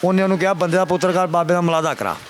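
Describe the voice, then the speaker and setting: Rapid-fire and high-pitched yet steady, an older man with a Pakistani Punjabi accent pours out a pleading, repetitive complaint to a reporter about his child's case as a father. He addresses the listener as sir again and again. Faint music sits behind him.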